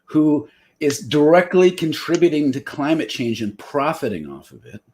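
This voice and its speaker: A man co-hosts a podcast in relaxed conversation, with a lively voice that rises and falls a lot. He talks bluntly and does not shy away from the odd curse word. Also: fairly high pitch, normal speed, a little hiss or hum. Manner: animated and blunt, with occasional swearing. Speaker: podcast co-host. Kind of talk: casual discussion.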